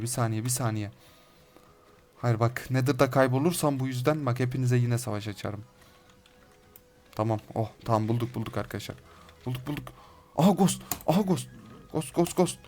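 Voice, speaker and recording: Excitable young gamer shouting. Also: male voice, mid-range voice, a little fast, long pauses, faint music behind. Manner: excitable, shouts insults and threats at game mobs; repeats phrases over and over while playing. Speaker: gaming YouTuber. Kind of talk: Minecraft let's play commentary.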